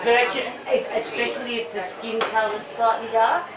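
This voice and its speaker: At a festival, a middle-aged Australian woman who advocates for medical cannabis gives a loose, rambling talk, blunt and chatty, with swearing and laughter, and takes audience questions. Her voice is a little high and steady at a moderate pace, picked up by a distant, echoey mic with the crowd audible.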